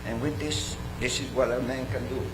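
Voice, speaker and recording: A man from Italy with an Italian accent, speaking from the floor at a seminar in a slow, halting way and clearing his throat often. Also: medium pitch, steady tone, over music, poor audio. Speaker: audience member.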